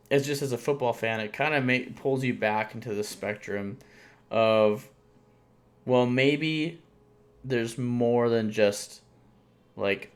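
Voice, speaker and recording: A man co-hosting a sports podcast in casual chat, rambling with lots of fillers and restarts. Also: mid-range voice. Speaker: podcast co-host.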